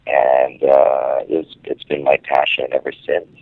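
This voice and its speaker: Very deep-voiced man on a phone line. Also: monotone, vocal fry, no echo. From Hawaii. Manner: halting, searching for words. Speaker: guest musician. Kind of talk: casual interview talk. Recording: phone-line audio with faint music.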